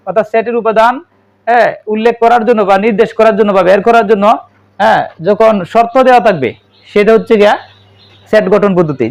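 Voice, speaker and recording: A male math teacher with a Bangladeshi Bengali accent, giving a classroom lesson and quizzing his pupils, repeating their answers back. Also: high-pitched.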